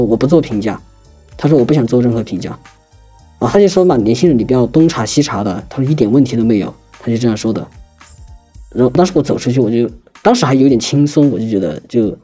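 Fast-talking husky man telling his story. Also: mid-range voice, dark tone. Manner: rambling, hesitant, with many restarts. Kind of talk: casual spoken personal story.

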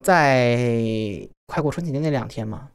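A man's voice: medium pitch, expressive, unhurried, gravelly, smooth. A young man in his twenties from China, telling his own story in a plain, unpolished way through a voice changer. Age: 20s. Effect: voice changer disguise. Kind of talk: first-person podcast storytelling.

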